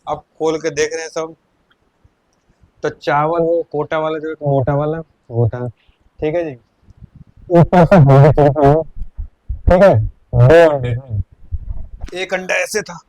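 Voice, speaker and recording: Casual male storyteller, animated, slightly high-pitched, laughs through his telling. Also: slow, pauses often. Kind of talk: casual anecdote.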